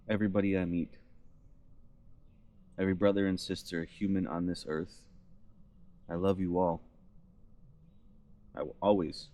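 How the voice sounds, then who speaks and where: A man with a very low, deep voice talks earnestly to his viewers from a campsite in the woods. He sounds emotional and sincere, as if holding back tears. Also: warm tone. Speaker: vlogger. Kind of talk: heartfelt vlog monologue. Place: forest campsite outdoors.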